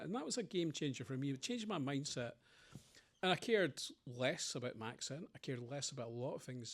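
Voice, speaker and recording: Scottish man, middle-aged, brisk rambling anecdotes for a panel Q&A. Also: a little high. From Scotland. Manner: rambling anecdotes with quoted voices. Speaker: panel speaker. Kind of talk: conversational Q&A storytelling.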